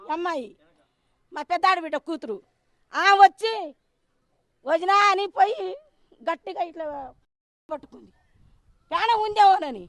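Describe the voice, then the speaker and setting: A middle-aged woman recounts events to a news reporter in an urgent, vivid way. Her voice sits very high. The sound is dry and close, picked up on a handheld mic. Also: no room sound. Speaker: villager eyewitness. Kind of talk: emotional eyewitness account.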